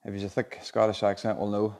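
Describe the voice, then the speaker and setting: Quick and completely flat, a fairly low, gravelly male voice carries over background noise. He's about forty, informally hosting a live prize draw in a showroom unit beside a car and a screen, talking in a colloquial, chatty way.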